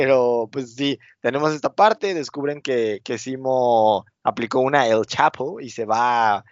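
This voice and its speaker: An unhurried man with a mid-range voice, recorded dry in dull lo-fi quality, recaps a TV episode as a podcast co-host. His delivery rambles, packed with fillers, and he acts out quotes while laughing.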